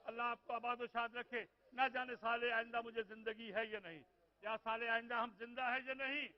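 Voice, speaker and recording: A very high-pitched man preaches a mourning sermon, his voice dropping to hushed sorrow and then rising into wailing lament. He speaks straight to the gathered mourners and stretches out his grieving lines. The recording is dull and lo-fi. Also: flat delivery. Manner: swings between hushed, sorrowful narration and wailing cries; addresses the mourners directly, drawing out lamenting phrases. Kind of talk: impassioned Muharram mourning sermon.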